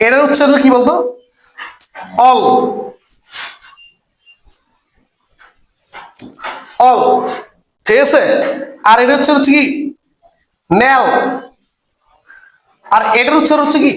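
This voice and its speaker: In an echoey classroom, a chemistry teacher speaks rapid-fire in a very high, fairly bright voice with fairly even intonation. He constantly quizzes the students and repeats every key term to drive it home.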